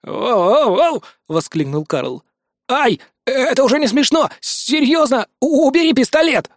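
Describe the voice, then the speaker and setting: A man doing a shrill panicky young guy. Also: flat delivery, normal speed, gravelly, no echo, clean studio sound. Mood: panicked. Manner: frightened, shouting.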